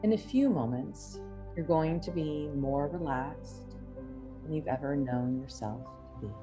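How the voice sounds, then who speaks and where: A woman hypnosis instructor guiding a relaxation induction, speaking in an unhurried, lulling way with long pauses. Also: low-pitched. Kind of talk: slow, soothing guided relaxation induction. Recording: music playing behind the voice. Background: soft New-age music.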